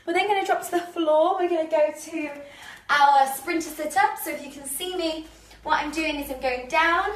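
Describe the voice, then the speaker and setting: In her living room, a fitness instructor leads a live home workout, chatting away and a little out of breath as she demonstrates moves and laughs at her own slips. Her voice sits high, she speaks at a normal speed, and the room is reverberant.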